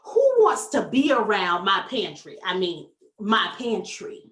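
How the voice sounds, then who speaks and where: A woman success coach giving a motivational talk, animated and folksy, addressing the audience directly. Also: medium pitch, a little slow, distant mic. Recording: echoey room, voice from off mic.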